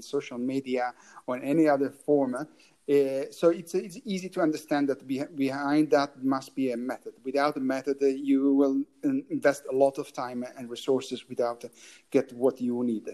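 A man's voice: mid-range voice, fairly even intonation, moderate pace, dark tone. A man who grew up in Italy co-hosting a podcast, speaking hesitantly and often restarting while he searches for words. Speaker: podcast co-host. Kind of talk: casual podcast chat.

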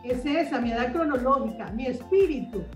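Enthusiastic woman in her fifties, high voice. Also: lively intonation, a little fast, roomy sound, far from the mic, faint music behind, low-quality recording. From Colombia. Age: 50s. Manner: enthusiastic, repeats words while searching for them. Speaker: guest, communicator and author. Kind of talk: radio interview conversation.

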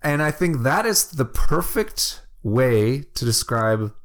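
A man's voice: mid-range voice, very animated, takes it slowly. A man co-hosting a casual movie chat, rambling and enthusiastic, laughing often. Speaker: podcast co-host.

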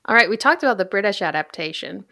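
A woman's voice: medium pitch, expressive, fast, vocal fry, sharp tone. A woman hosting a casual podcast in a chatty, jokey way, recorded inside a closet. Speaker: podcast host.

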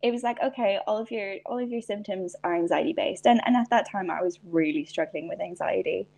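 A woman's voice: mid-range voice, a little fast, vocal fry, a little mellow. Young Irish woman, reflective guest. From Ireland. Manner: reflective, frequent restarts and fillers. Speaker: podcast guest. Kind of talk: casual interview chat.

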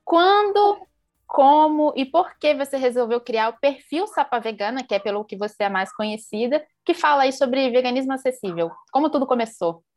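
A woman's voice: high-pitched, lively intonation, normal speed, darkish tone. A woman hosting a podcast interview, talking in a friendly, fluent way with frequent tag questions. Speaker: podcast host.

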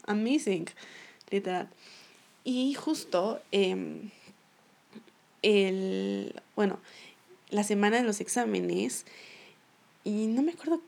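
A woman's voice: medium pitch, expressive, slow pace, gravelly, long pauses, a little mellow. A young woman telling a personal story to her viewers in a casual, chatty way, laughing often. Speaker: vlogger.

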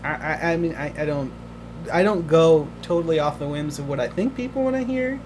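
A man hosts his podcast in a loose, casual chat, his voice sitting a little high. He talks emotionally and haltingly, circling back over his words. A steady hum of background noise runs under the recording. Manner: emotional, halting with many restarts. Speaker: podcast host.

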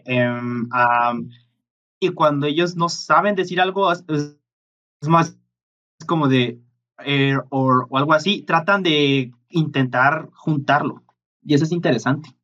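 A man chats casually, hesitating often and filling pauses. His voice is a bit high for a man and bright and tense, while the recording sounds dull and muffled. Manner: halting, with many fillers. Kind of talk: casual chat.

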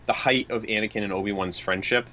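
A man's voice: lowish voice, fairly even intonation, fast talker, sharp tone. Man chatting over a dull lo-fi recording. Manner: rambling, frequent restarts and quoted asides. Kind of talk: casual chat.

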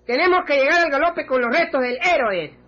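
A man's voice: very high-pitched, expressive, brisk, bright, forceful tone, soft background music, exaggerated voice. An actor playing a brash middle-aged village man who curses constantly and stammers when upset, in a lo-fi radio recording. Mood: blustering. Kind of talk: radio comedy acting.

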